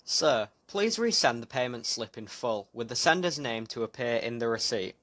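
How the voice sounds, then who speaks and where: Man putting on a terse scammer voice, slow, blunt, broken English, mid-pitched and dry. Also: dry recording, close to an everyday voice. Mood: demanding. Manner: curt, broken-English demands, slow and flat. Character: terse demanding male email scammer.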